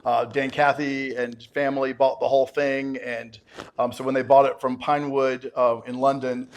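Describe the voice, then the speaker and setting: Talkative man, mid-pitched, casual podcast guest telling stories with enthusiasm. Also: level tone, normal speed. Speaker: podcast guest, film critic.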